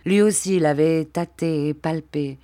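Slow, measured woman reading a storybook. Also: sits low, dark tone. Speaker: narrator.

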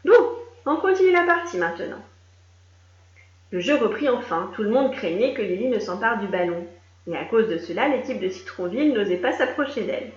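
Animated woman reading a children's story. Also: mid-range voice, fairly quick. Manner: lively, animated, does character voices. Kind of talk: children's story read-aloud. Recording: echoey room, dull lo-fi sound.

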